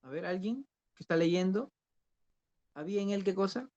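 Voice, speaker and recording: A man's voice: high voice, normal speed, a little mellow. A man teaching a discipleship Bible class who questions his students and repeats key phrases. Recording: dull lo-fi recording.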